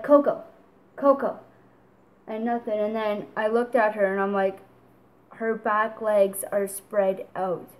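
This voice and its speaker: Young woman vlogger, fairly high voice, tearful, rambling, lots of fillers. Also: rough recording. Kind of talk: casual vlog storytelling.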